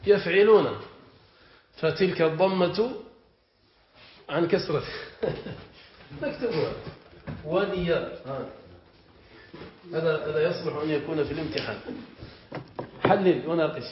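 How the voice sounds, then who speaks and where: A man with a slightly high voice teaches a classroom lesson on verb morphology, explaining slowly with frequent pauses and repeatedly asking if students understand. The recording is dull and lo-fi, with heavy classroom echo and faint hiss.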